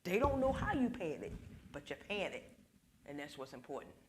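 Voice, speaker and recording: Woman, church class leader, animated storyteller, jumps into little voices. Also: sits low, a little fast, a little hiss or hum. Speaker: ministry financial class leader. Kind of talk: church group discussion.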